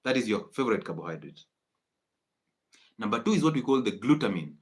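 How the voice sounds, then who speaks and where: A man's voice: lowish voice, sing-song, fairly quick. A man giving a live-streamed health lecture, emphatic and preachy, repeating his key points. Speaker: health educator.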